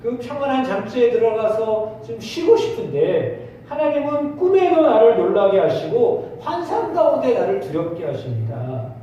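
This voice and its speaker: A man's voice: normal speed, few pauses. A man preaching a midweek sermon, speaking out a lament with swelling emotion and then explaining it to the congregation. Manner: expressive preaching, voicing the speaker's laments with rising pitch. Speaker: pastor. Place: church sanctuary. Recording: echoey hall, distant mic, dull sound, faint noise.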